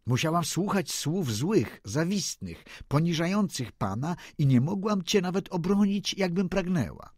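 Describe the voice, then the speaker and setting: A man voicing a tender, distressed young noblewoman in an audiobook, with an earnest, pleading delivery and a husky voice. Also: medium pitch, no echo, clean studio sound, voice pushed up, exaggerated voice. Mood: tearful.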